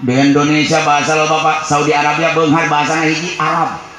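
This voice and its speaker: A Sundanese man from West Java with a Sundanese accent, preaching a comic sermon to a live crowd and calling for answers, swinging from jokes to shouted preaching. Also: a little high, little pitch movement, quick pace. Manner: call-and-response, swings from joking to shouted preaching. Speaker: Islamic preacher. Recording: very echoey live hall with background noise.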